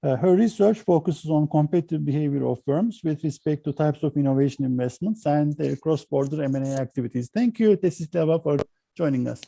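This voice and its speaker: A man's voice: a little high, a little fast, creaky, mellow, no echo. A man hosting an interview, reading a guest's credits and then asking questions, with some hesitant fillers. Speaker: interview host.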